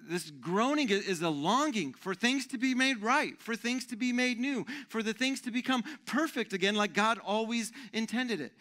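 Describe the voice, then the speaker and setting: Bright-voiced pastor preaching emphatically. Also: male voice, normal speed, hardly any pauses. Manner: emphatic, rising in pitch and loudness when stressing points. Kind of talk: sermon. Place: church stage with band gear, indoors.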